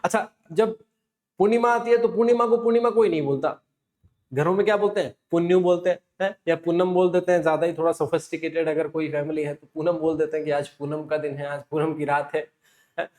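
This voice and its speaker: Tag-questioning teacher, slightly high voice. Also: male voice, steady tone, fast talker, darkish tone. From Rajasthan. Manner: explanatory, asks and answers himself, frequent "है ना". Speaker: exam coaching teacher. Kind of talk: classroom lecture.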